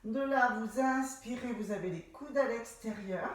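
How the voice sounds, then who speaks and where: A woman teaching a Pilates class, giving calm, unhurried cues about breathing and posture. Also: on the high side. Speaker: Pilates instructor. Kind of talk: guided exercise class instruction. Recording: very echoey room.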